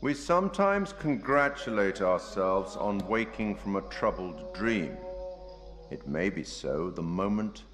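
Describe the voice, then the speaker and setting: A mysterious curator figure, very low voice, lively pitch, measured storytelling. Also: male voice, big-room sound, music in the background. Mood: grave. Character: mysterious suave male curator, grave and knowing. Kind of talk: game narration.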